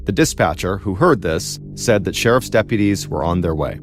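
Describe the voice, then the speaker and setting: A man hosting a podcast, telling a true crime story in a measured, dramatic way with pauses. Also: sits low, expressive, faint music behind. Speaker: podcast host and narrator.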